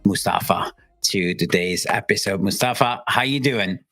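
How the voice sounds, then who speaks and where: A man's voice: lowish voice, moderate pace, fairly bright tone. A man hosting a podcast, chatting casually and enthusiastically with his guest. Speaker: host. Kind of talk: podcast interview.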